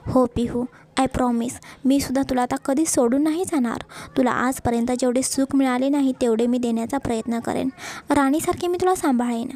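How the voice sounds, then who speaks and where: A woman's voice: high-pitched, normal speed, dark tone. A woman voicing a playful, doting young husband in a romance story. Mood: tender. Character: young husband, teasing and affectionate.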